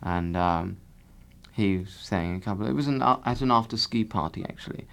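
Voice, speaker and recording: Here the same kind of role is voiced with a fairly low, gravelly, slightly bright tone at normal speed: a grandiose man, half of a singing duo, who fancies himself a bass singer. In this comic radio interview he goes on and on and keeps setting his partner straight.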